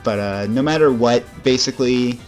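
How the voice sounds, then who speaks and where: A man's voice: mid-range voice, normal speed, faint music behind. A young man giving casual, rambling commentary over a video game, with frequent fillers and self-deprecating asides. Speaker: let's play commentator.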